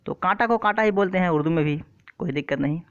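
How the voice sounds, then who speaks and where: A man's voice: sits high, fast talker, clear, resonant tone, lo-fi sound. A man teaching an exam-prep vocabulary lesson online, who often repeats terms and keeps asking his viewers questions. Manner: repeats words and quizzes the viewer.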